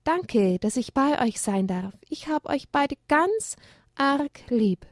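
A tiny, affectionate young animal of a children's storybook, as a woman puts it on. It speaks softly in a high little voice. The recording is dry and close. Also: animated, slow pace, no room sound. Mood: tender.

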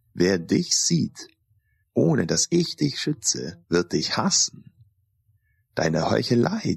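A man's voice: mid-range voice, creaky, slightly rough, dry recording, voice pushed up, heavily acted. A man voicing a scornful, manipulative talking mask in an audiobook, taunting and threatening. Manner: taunting, then dark and threatening. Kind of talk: audiobook character voice.

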